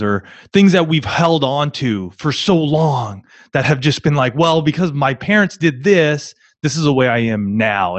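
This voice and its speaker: A man's voice: mid-range voice, no room sound. A man co-hosting a live online marriage coaching session, telling a personal story earnestly and often repeating his words.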